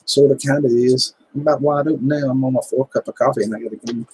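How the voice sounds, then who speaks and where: Speaking quickly with fairly even intonation, this Southern American man in his fifties hosts a gardening livestream and reads viewer comments in a relaxed, joking, folksy manner. His medium-pitched voice is a little mellow and slightly rough, in a low-quality recording with no echo.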